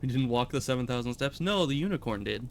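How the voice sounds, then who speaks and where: A man's voice: medium pitch, lively intonation, fast, slight background noise. A man streaming a game, chatting casually and rambling as he thinks aloud. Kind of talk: casual gameplay commentary.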